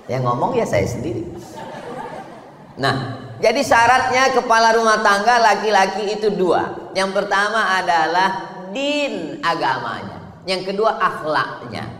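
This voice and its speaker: A middle-aged man from Sumatra preaching a humorous sermon with a loud, booming delivery and playful jokes. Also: big pitch swings, a little slow. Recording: echoey hall with faint ambient noise.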